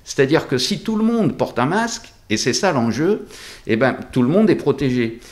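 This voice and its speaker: A man speaking through a face mask as a doctor in an interview, explaining things deliberately with hesitant pauses. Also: medium pitch, very animated. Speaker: doctor at a local practice being interviewed.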